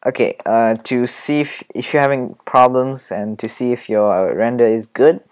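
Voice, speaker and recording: A man giving a casual screen-recorded animation tutorial, rambling and hesitant, often muttering quiet asides to himself. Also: mid-range voice, fairly even intonation, moderate pace.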